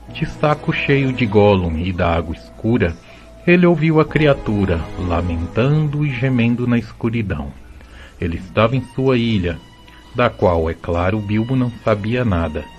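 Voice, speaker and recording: In a muffled recording, a fairly low-voiced man with a Brazilian accent tells a fantasy audio drama as a storyteller, with gentle music behind him.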